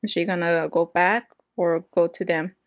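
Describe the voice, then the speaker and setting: A young woman giving sparse, subdued reaction commentary in short muttered remarks, with a husky, creaky voice. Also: fairly low pitch, fairly even intonation, moderate pace, no echo, clean studio sound. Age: young adult. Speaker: reaction video host. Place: small room at home with shelves.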